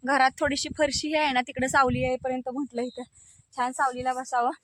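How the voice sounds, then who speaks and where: A woman's voice: high voice, level tone, brisk, fairly bright tone, no room sound. A cheerful young woman chatting casually for her vlog outdoors under a mango tree, filming on a phone. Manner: cheerful, chatty, laughs often. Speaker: vlogger. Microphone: phone camera.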